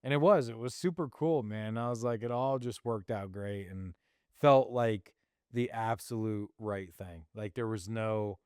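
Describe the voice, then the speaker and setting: A middle-aged man hosting a podcast, telling a personal story in a casual, animated way and laughing often. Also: fairly low pitch, unhurried, clear, resonant tone, no room sound, clean studio sound. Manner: animated, laughs often, acts out quoted voices. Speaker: podcast host.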